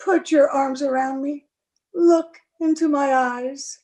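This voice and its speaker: A woman's high, warm voice moves slowly and with fairly even intonation as she portrays an unhappy, lovelorn bride in a gothic radio play. She pleads with deep emotion in a theatrical old-radio style.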